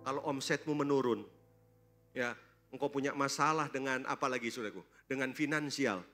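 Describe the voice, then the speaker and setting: A man preaching a sermon at a church service, lively and joking, constantly throwing questions at the congregation. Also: mid-range voice. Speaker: pastor.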